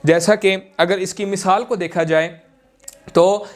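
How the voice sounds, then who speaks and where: A man teaching Quran reading in a slow, deliberate way, drawing out syllables and using many fillers. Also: sits high, fairly even intonation. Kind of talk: slow recorded lesson.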